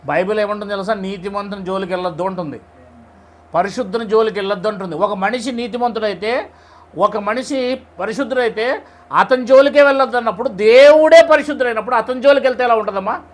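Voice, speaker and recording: High-voiced man preaching conversationally. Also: fast. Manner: asks the listeners rhetorical questions and tells stories in plain speech. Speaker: preacher leading a Bible study. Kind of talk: conversational sermon.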